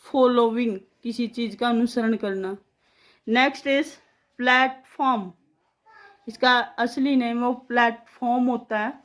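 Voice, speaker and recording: A woman leads a spelling lesson, breaking words into single letters and sounds. Her voice sits a little high, and she stretches every syllable out unhurriedly. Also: fairly even intonation. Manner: slow, drawn-out syllable-by-syllable dictation. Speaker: English spelling teacher.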